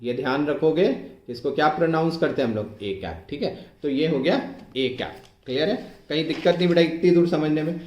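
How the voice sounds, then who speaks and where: A male physics teacher giving an online exam-prep lecture, explaining slowly and repeating himself, often asking whether it is clear and dictating English phrases word by word as he writes. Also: fairly high pitch, a little mellow, roomy sound. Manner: slow, repetitive, keeps asking if it is clear.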